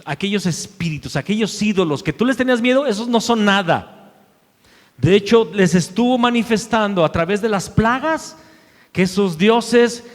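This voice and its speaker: Male pastor, high voice, emphatic sermon, repeats phrases, long reverb hall. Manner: emphatic preaching, repeats key phrases, swings between loud and hushed. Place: church sanctuary.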